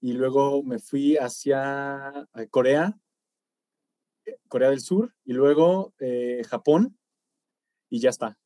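A man's voice: mid-range voice, slow, pauses often, no room sound, studio quality. A man, a podcast guest in casual chat, reeling off travel stops and laughing often. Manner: animated, laughs often, long lists of places.

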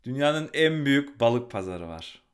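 A man's voice: medium pitch, sing-song, unhurried. A man co-hosting a travel podcast, casually reeling off facts and adding short agreements. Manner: lists facts, backchannels often. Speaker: podcast co-host. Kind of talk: casual chat.

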